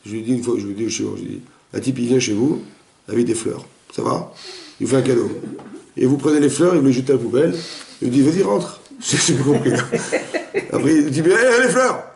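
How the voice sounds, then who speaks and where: A man, a rabbi, giving a lively interactive Torah class, quizzing his students and acting out the dialogue. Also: mid-range voice, quick pace, gravelly. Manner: animated, questions the students, acts out dialogue. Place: echoey room with students. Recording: roomy echoey room recording.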